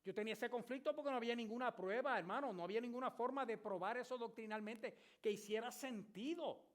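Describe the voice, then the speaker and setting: This pastor in his sixties has a very high-pitched voice and talks at a quick pace. He tells stories vividly and emphatically throughout his sermon, breaking into shouts when he reaches the high points.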